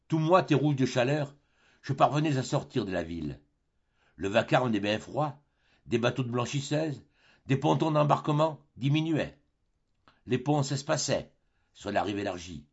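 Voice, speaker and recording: A man reading a classic story aloud as an audiobook narrator, in a measured, expressive way with a husky voice. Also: medium pitch, muffled recording. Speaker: audiobook reader.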